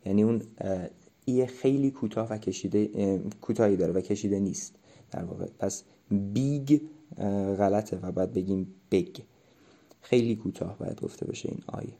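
A man giving patient, explanatory pronunciation feedback to an English learner, often pausing to think. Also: fairly low pitch, steady tone, dark tone. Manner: patient, explanatory, hesitant with many fillers.

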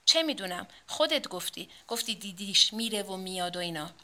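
A gruff older painting master, played by a woman reading a story, scolding and evasive, often dropping to a hushed mutter. The voice stays bright and clear. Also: medium pitch, lively intonation.

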